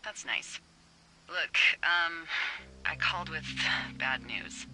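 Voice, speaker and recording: A woman's voice: low-pitched, slow, over music, poor audio. A woman voicing a teasing, dry-humored fire lookout supervisor talking over a radio in a video game. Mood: serious. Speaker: game character.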